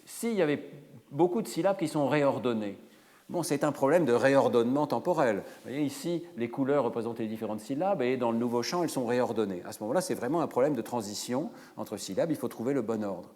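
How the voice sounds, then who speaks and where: A man teaches a university class, speaking at a middle pitch with a fluent, explanatory manner and the occasional filler. His voice rings with the long reverb of a lecture hall. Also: lively intonation, fast, darkish tone. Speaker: professor.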